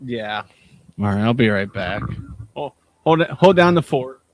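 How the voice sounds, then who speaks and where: A man's voice: mid-range voice, expressive, unhurried, slight background noise. Chatty man rambling on a call. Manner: chatty, rambling, laughs often. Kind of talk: casual group chat on a video call.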